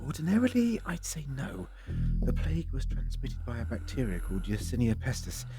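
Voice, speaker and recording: A man playing a grave, cautious time-travelling doctor in an audio drama, explaining in an earnest, measured way. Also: mid-range voice, wildly swooping pitch, music in the background.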